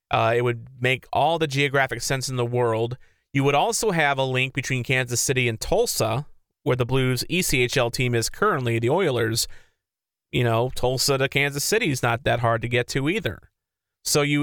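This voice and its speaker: A man's voice: medium pitch, fairly bright tone, smooth, no echo, studio quality. A man hosting a sports podcast, talking in an opinionated and rambling conversational way. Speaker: podcast host. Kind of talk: casual sports commentary.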